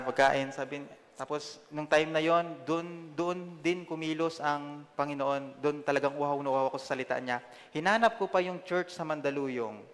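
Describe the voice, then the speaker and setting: A man in his twenties from the Philippines giving a personal testimony sermon, conversational and self-deprecating, often pausing on fillers. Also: mid-range voice, a bit bright, in a large hall. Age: 20s. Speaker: lay preacher.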